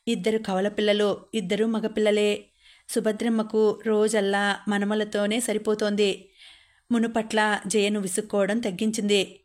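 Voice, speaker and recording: A woman narrating an audiobook novel in a steady, even manner. Her mid-range voice barely rises or falls as the story moves along. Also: medium pitch.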